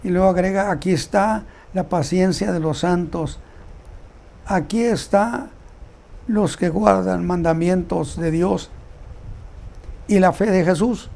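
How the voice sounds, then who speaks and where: A man giving a Bible teaching sermon, reading scripture aloud and commenting on it in a slow, deliberate way. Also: high voice, gravelly, dark tone. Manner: slow, deliberate delivery with repeated words. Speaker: preacher.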